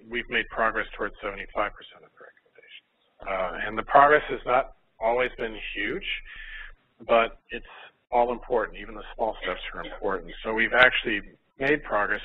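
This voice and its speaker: A man's voice: on the low side, breathy edge. An older man from Florida, a pediatrician, giving a conference lecture in a hesitant way with many fillers and restarts. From Miami, Florida. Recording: tinny phone-like recording, faint noise.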